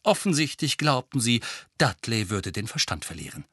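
Male audiobook narrator: expressive, lively, bright tone, slight breath, dry close mic. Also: mid-range voice, moderate pace, husky, dry recording. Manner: expressive storytelling. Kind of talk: scripted narration.

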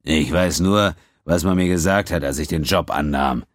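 A man doing a low, smug, menacing space pirate. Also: normal speed, no room sound, clean studio sound. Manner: growling, calm, mocking. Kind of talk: audiobook character voice.

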